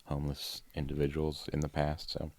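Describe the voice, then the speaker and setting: A man in his forties, a podcast guest, chatting in a relaxed, rambling way with many fillers and restarts. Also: rumbling low, normal speed, dry recording. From Ohio. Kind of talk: casual conversation.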